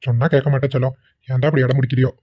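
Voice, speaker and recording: A man voicing a cartoon husband and village head, with flat, anxious muttering. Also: mid-range voice, rapid-fire. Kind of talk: cartoon voice acting. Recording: dull lo-fi audio.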